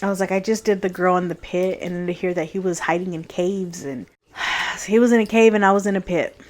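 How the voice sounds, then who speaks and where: A woman's voice: lowish voice, fairly even intonation, fairly quick. A woman talking earnestly in a personal vlog, reflective and heartfelt, with a few laughs. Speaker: vlogger sharing a faith journey.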